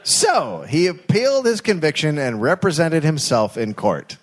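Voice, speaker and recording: A man narrates a true story for a comedy podcast in a lively, up-and-down voice sitting a little high for a man. He reads in comedic bursts and drops wry asides between the beats of the tale. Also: unhurried. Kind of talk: comedic storytelling, reading aloud.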